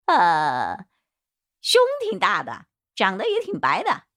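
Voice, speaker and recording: A fawning, cowardly male gang boss, put on by a woman pleads in a squeaky, jumpy voice that swings wildly up and down. He sounds eager to please and quick to fold under questioning, like a frightened crook in a spoken crime story. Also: huge pitch swings, a bit bright, full character voice. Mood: flustered.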